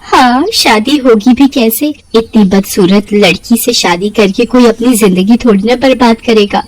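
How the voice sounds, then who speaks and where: A woman's voice: fairly high pitch, unhurried, low-quality recording. A woman voicing a vain young woman who mocks her cousin in a cartoon story. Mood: scornful. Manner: mocking, scornful.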